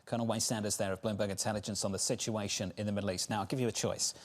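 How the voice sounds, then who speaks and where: A man's voice: on the low side, fairly even intonation, racing. A male news anchor in a live broadcast, joking dryly with his co-hosts and leading into segments.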